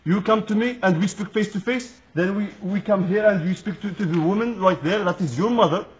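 Speaking a little fast in a high voice, this Moroccan man, whose first language is Moroccan Arabic, protests to camera in English on the street. He sounds angry and indignant and keeps repeating himself, though the recording is muffled.

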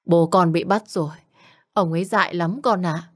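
Woman doing a gentle, worried mother. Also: fairly low pitch, steady tone, moderate pace, lightly acted. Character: worried middle-aged mother, gentle and anxious.

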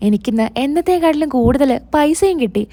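A woman's voice: high voice, lively intonation, a little fast, dark tone. A woman narrator voicing an earnest, devoted young wife who pleads and explains.

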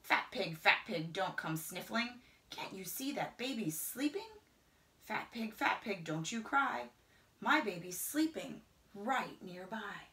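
A middle-aged woman reads a picture book aloud to children in a rhythmic, singsong way, often dropping into hushed whispers. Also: medium pitch, expressive, slow. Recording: roomy indoor echo.

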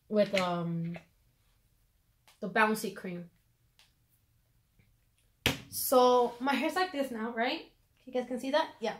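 A woman vlogger chatting casually through her hair routine, full of fillers, recorded on a phone camera. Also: on the high side. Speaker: beauty vlogger.

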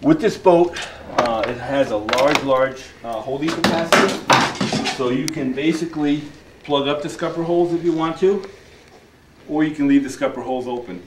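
A man's voice: a little high, normal speed. A middle-aged man explaining kayak features in a casual product demonstration, with frequent fillers and restarts, in a large shop. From New Jersey. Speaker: kayak fishing presenter. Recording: roomy shop echo, faint noise.

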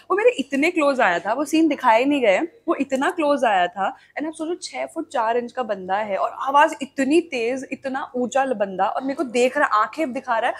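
A young woman speaking as an interview guest, candid and emphatic, switching between Hindi and English. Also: high-pitched.

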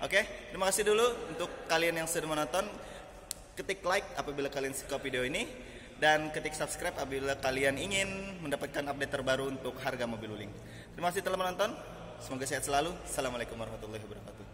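A young man talks to camera in a slightly high-pitched voice, selling with upbeat vlogger patter and the odd English phrase. He is recorded on a handheld phone in a big hard-walled showroom, so his words carry a long echo. Clear ambient noise sits behind him throughout. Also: fast talker. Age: 20s. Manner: upbeat sales patter addressing viewers as guys, with bits of English. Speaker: car dealership salesman and channel host. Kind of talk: promotional vlog talk to camera. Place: large indoor car showroom. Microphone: phone at arm's length.

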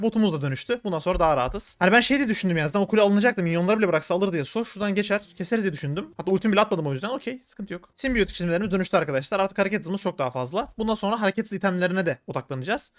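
A man giving live commentary on his own gameplay, talking to viewers in an excitable, slangy way. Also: high voice. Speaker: gaming streamer.

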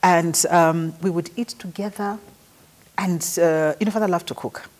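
A middle-aged Zambian-accented woman paying tribute in an interview recalls a trip in a chatty, anecdotal way, acting out what people said. Her voice is on the low side and darkish, with a steady tone and normal speed.

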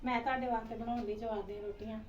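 A woman's voice: a little high, level tone, rapid-fire, darkish tone, slight background noise. A middle-aged woman. She explains cooking casually, as a home cook would. The recording is dull and echoes around the room.

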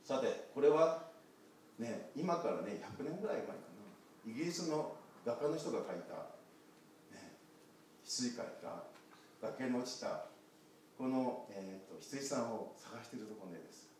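A man, a pastor telling a picture-card story to children in a church, animated and asking them questions. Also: medium pitch, moderate pace, pauses often, a little hiss or hum. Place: church sanctuary. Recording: echoey church hall from far off.

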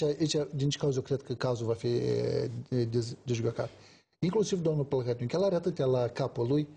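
A man's voice: a little high, mellow, slightly rough. A man, a politician guest on a TV talk show, talking emphatically and animatedly and acting out quoted exchanges. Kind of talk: emphatic studio debate. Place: TV studio.

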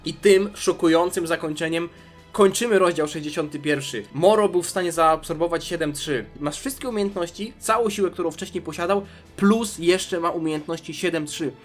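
Animated man recapping a comic. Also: on the high side, moderate pace, faint music behind. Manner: animated, with slips and restarts. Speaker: host. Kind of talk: casual comic recap narration.

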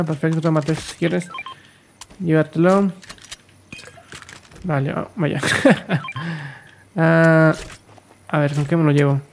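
A man chatters through his gameplay, slipping into broken English between phrases. His voice sits somewhat high and he drawls, stretching each repeated word. A faint hiss runs under the recording. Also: creaky. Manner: excited, repeats words rapidly, mixes broken English with Spanish. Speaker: gaming streamer. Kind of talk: casual gameplay commentary.

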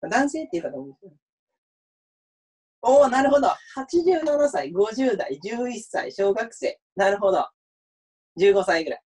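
A man's voice: high-pitched, expressive, unhurried, pauses often, darkish tone, husky. A university lecturer giving an online mock class, chatty and reading out viewer comments as he talks.

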